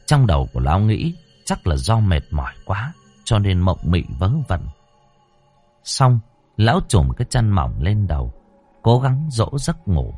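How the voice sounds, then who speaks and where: A male storyteller narrating a horror story with expressive, dramatic pacing. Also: fairly low pitch, a little slow, faint music behind.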